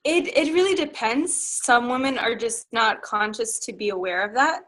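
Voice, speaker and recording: Woman sex coach, candid interview guest, frank and lively. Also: fairly high pitch, normal speed. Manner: frank and animated, laughs while telling stories.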